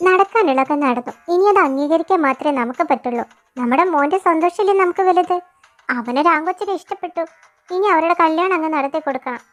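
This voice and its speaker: A woman voicing a calm, loving mother who reasons gently and soothes her son in an amateur audio drama, with faint music behind her. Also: very high voice, fast.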